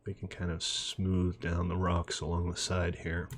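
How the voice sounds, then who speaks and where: Low-voiced man narrating a city builder. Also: measured pace, slightly rough. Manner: relaxed, thinking aloud while building. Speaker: game commentator. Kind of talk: let's play commentary. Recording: mouse and keyboard clicks audible. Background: computer clicking and typing.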